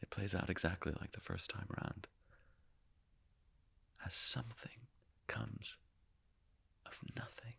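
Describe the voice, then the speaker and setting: An actor playing the Higgs boson as a calm, all-knowing narrator, telling his story in a measured way and sinking often into hushed whispers. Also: fairly low pitch, vocal fry, slightly rough, full character voice. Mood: hushed awe. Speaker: actor performing a stage monologue. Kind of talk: theatrical monologue.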